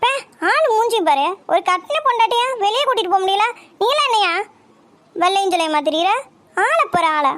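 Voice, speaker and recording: Cartoon wife: a woman plays a stubborn, teasing young bride, very high-pitched, rapid-fire, always scolding. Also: expressive, a bit bright, dry recording. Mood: mocking. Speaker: wife in a cartoon family story. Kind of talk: cartoon voice acting.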